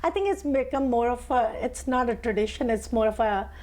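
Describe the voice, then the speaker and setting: Woman from india, 40s, guest on an interview, slightly high voice, chatty and lively, lots of restarts. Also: fairly quick. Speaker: guest, henna artist. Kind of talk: interview conversation.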